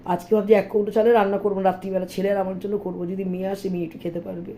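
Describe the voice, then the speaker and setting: A middle-aged woman with a hoarse, sore voice, chatting and complaining to viewers in a casual home vlog. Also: medium pitch, level tone, racing, warm tone, a little hiss or hum. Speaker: vlogger. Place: home, indoors.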